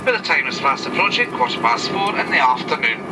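A male flight attendant making a formal, courteous arrival announcement over the cabin loudspeaker. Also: medium pitch, big pitch swings. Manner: formal, courteous, measured delivery. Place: aircraft cabin after landing. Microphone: passenger's camera, from afar. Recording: distant loudspeaker under loud engine noise.

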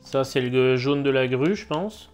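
A man's voice: medium pitch, animated, unhurried, darkish tone, soft background music. A man giving casual live commentary as he streams a game, with noncommittal, shrugging asides. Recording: clear background noise, game ambience.

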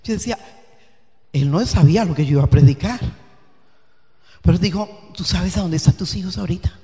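A woman pastor preaches with fervor, dropping to near-whispers and then building to loud, emphatic peaks. Her voice rings out with the long reverb of a church hall. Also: lowish voice, a little fast. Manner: passionate, swinging from hushed to loud and emphatic. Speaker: guest pastor. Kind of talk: sermon.

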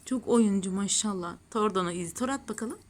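A pet channel host films her cats at home, gushing over them in doting baby talk and chatting casually with viewers in a casual home vlog. Her voice is mid-range and fairly quick.

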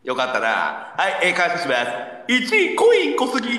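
A young man with a Kansai accent chatting casually as a livestream host, joking and excitable. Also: high voice, normal speed. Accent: Kansai Japanese. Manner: excitable, jokey, yells during game moments.

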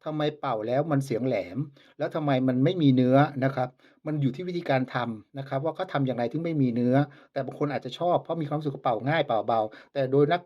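A man's voice: mid-range voice, fast, highs cut off. A man who makes flutes, demonstrating and selling them in a casual vlog, polite but scornful of his rivals. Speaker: flute maker.

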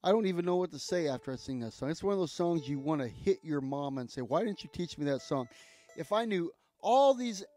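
A man's voice: fairly high pitch, lively intonation, fairly quick, few pauses, mellow. A man with a lisp, co-hosting a music livestream in rambling, joking casual chat. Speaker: co-host and musician.

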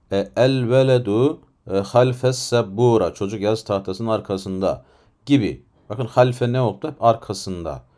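A man with a Turkish accent and a medium-pitched, slightly mellow voice teaches an Arabic lesson. He explains patiently, step by step, using rhetorical questions and plenty of fillers.

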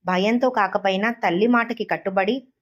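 A woman reading a short story aloud as an audiobook narrator, in a calm, measured way. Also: mid-range voice.

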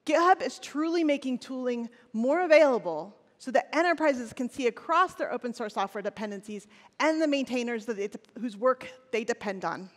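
A woman's voice: fairly high pitch, lively intonation, fairly quick. A woman in her forties on a large conference stage, giving a scripted, earnest keynote with a few restarts. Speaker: keynote presenter. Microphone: headset or lapel mic on stage. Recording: long hall reverb.

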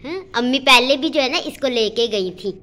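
A woman's voice: sits high, normal speed, pushed and bright. A woman, chatting affectionately through a casual home vlog about her cats and kitchen. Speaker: vlogger. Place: home kitchen and rooms, indoors.

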